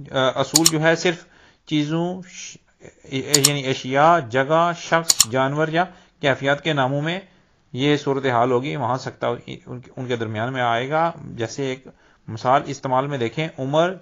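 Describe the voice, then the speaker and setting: A man giving a slow, deliberate grammar lesson, explaining terms and repeating examples. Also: medium pitch, background noise. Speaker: Urdu teacher. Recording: dull lo-fi recording.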